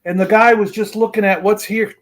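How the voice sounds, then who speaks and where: Guy chatting loosely on a live stream, pretty high voice, hunts for words. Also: little pitch movement, fairly quick, a little hiss or hum. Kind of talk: casual live chat.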